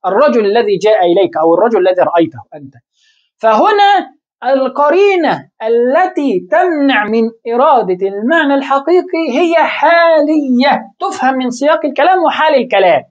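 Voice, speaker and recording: A woman teaching a lesson, asking herself questions and answering them, with halting restarts. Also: sits high, animated, lo-fi sound. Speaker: Arabic grammar teacher. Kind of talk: explaining a lesson.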